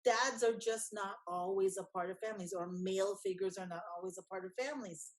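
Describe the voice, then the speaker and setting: A woman's voice: mid-range voice, fairly quick. A woman instructor commenting in class, musing and rambling with restarts. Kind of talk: class discussion.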